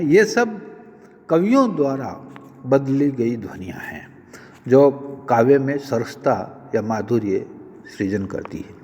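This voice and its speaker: A man lecturing on linguistics, explaining each point with many spoken examples in a measured, teacherly way. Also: mid-range voice, a little mellow, long reverb tail. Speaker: Hindi lecturer. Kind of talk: recorded university lecture.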